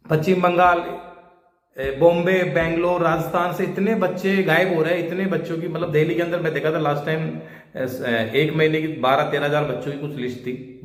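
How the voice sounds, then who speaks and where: Impassioned man in an echoey room. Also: fairly high pitch. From India. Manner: urgent, pleading, rhetorical appeals. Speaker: social media creator. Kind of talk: impassioned monologue to camera. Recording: echoey room with long reverb.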